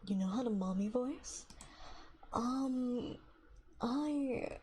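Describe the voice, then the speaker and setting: A woman hosting a soft-spoken livestream from her apartment on a binaural mic, talking smoothly and quietly, often in a whisper, and chatting in a rambling way. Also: fairly high pitch, very slow, a little hiss or hum, rough recording. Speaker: ASMR livestream host. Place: home apartment. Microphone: binaural dummy-head mic.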